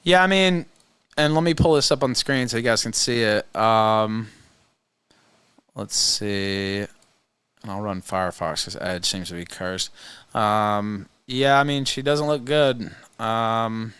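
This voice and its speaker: A man hosting a livestream with casual commentary, speaking hesitantly with pauses. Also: lowish voice, a bit bright, smooth, no room sound. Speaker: livestream host.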